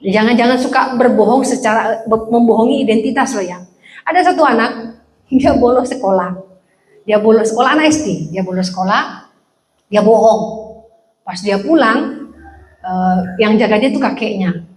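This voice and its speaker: A woman's voice: fairly high pitch, moderate pace, long pauses. A woman pastor preaching a sermon in a church, joking and acting out voices in her stories. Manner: lively, joking, acts out quoted speech. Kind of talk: sermon with anecdotes. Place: church hall. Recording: echoey church hall.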